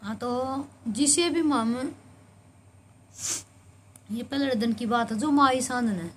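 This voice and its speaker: A Haryanvi-accented woman with a fairly high voice tells her own story to the camera. She circles back over her words in an earnest, rambling flow. A faint hum of noise sits behind her. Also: slow pace. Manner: earnest, rambling retelling with repeated phrases. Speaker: vlogger. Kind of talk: personal storytelling.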